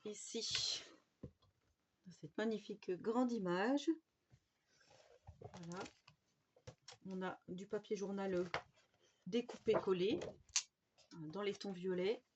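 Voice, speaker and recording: Woman, chatty haul vlogger, excited, filler words, faint hiss and clicks. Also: medium pitch, lo-fi sound. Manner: chatty, enthusiastic, many fillers and restarts. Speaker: scrapbooking vlogger. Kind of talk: casual product haul chat. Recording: faint background noise and clicks.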